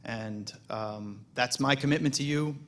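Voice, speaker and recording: A man, the president of a congregation, giving a relaxed welcome speech with self-deprecating jokes and frequent restarts. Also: mid-range voice, a little slow. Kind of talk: welcome speech at a holiday service. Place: synagogue sanctuary.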